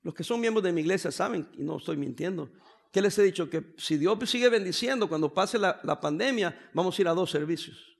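A man in his fifties delivers a sermon from the pulpit in a high voice. He preaches in an animated, joking way and drops English phrases into his talk. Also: a little fast, creaky. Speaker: pastor.

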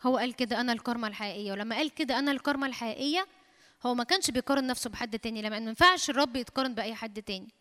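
A woman's voice: fairly high pitch, rapid-fire, sharp tone. A woman preacher with an Egyptian Arabic accent giving an emphatic sermon, repeating phrases and quoting scripture. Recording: long hall reverb.

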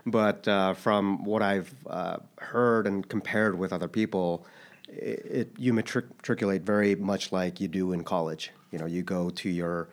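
Here the interview guest, a Japan-raised man in his thirties, speaks in a deep voice at a moderate pace with fairly even intonation. It's a casual interview, and he answers with thought and hesitation, often restarting his sentences.

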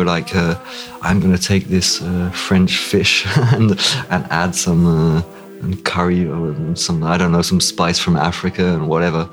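Casual deep-voiced man recalling a project. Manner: casual, rambling, with fillers. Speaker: project organizer. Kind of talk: interview answers.

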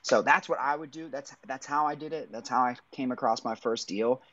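A man on a livestream talking through practical advice in a relaxed conversational way, often saying "I mean". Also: medium pitch, brisk, no room sound, lo-fi sound. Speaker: guest sharing business advice. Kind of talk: casual chat.

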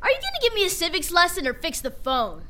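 A woman's voice: very high-pitched, huge pitch swings, fast, bright, forceful tone, full character voice. Woman playing a bossy, blunt little boy. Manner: blunt, impatient. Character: bossy sharp-tongued young boy.

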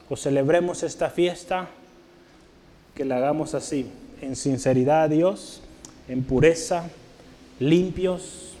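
Here the preacher's voice is a little high and slightly mellow as he gives his Bible-class sermon. Writing words on a board, he speaks to his audience with formal courtesy and keeps checking that they're following along.

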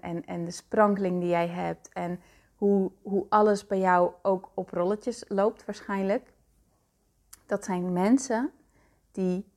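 A woman's voice: mid-range voice, vocal fry, a little mellow. A woman giving a motivational self-love talk, speaking directly and earnestly to the listener.

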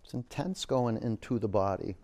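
A man's voice: fairly low pitch, moderate pace, mellow. A man teaching a yoga class, giving short, direct cues and reflective guidance, often repeating phrases for emphasis. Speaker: yoga instructor.

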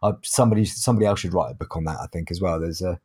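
A man's voice: low-pitched, very fast, darkish tone, breathy edge. A man hosting a podcast in a chatty, self-deprecating, casual way. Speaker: podcast host.

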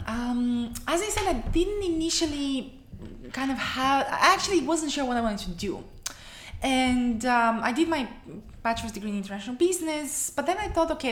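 A woman, answering interview questions earnestly and passionately, often restarting her phrases. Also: a little high. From Bulgaria. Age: 30s. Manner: passionate, many restarts and "you know". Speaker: interview guest, activist. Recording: echoey room, faint noise.

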